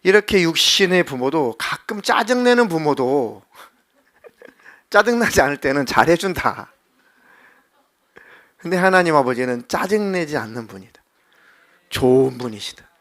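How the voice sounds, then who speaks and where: A middle-aged man delivers a Sunday sermon in a church, his voice sitting high for a man. He preaches with animation and slips into little acted voices of children and of God as he talks. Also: expressive, unhurried, pauses often, a bit bright. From South Korea. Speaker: pastor. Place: church sanctuary.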